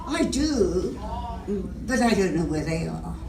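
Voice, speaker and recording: An older woman with a lowish voice plays a scatterbrained, hesitant woman with a broken old vacuum in an amateur radio theatre reading. She's very animated and heavily acted, speaking slowly, recorded in an echoey room with a distant mic and noisy background.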